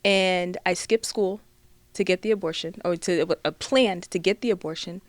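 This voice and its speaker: A woman's voice: on the low side, moderate pace, no echo. A woman guest in a casual interview, telling a personal story animatedly and acting out her family's voices.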